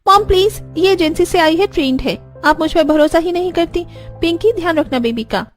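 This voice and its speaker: A woman's voice: very high-pitched, a little fast, faint music behind. A woman voicing a selfish, modern young mother who is whiny and dismissive in a cartoon story. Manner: whiny, dismissive, mixes English words.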